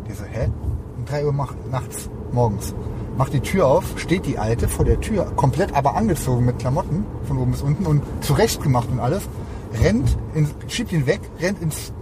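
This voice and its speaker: A man's voice: medium pitch, expressive, brisk. A man in casual chat, telling a long rambling anecdote full of fillers, recorded inside a car. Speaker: storyteller. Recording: loud car road noise.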